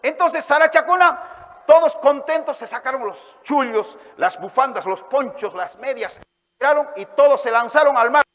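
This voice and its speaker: A man with a very high voice tells a folk tale to a live audience, stretching out calls and sound effects and getting the crowd to repeat after him. He comes from Ayacucho, Peru, and his voice carries a long reverb, as if in a large hall. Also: expressive, moderate pace, a bit bright. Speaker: storyteller. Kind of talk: oral storytelling to a live audience.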